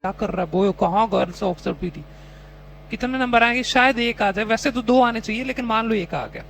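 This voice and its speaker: A man's voice: sits high, fairly quick, creaky, a bit bright, a little hiss or hum, poor audio. A man teaching a test-prep class, teasing and mock-scolding his students while quizzing them on whether they follow. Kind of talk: classroom coaching lecture.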